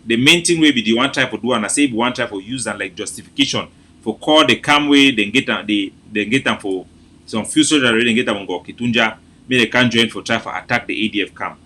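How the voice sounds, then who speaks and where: Speaking quickly at a medium pitch, the host, a Cameroonian man, runs a casual political briefing in Pidgin English. He repeats points with animated mockery.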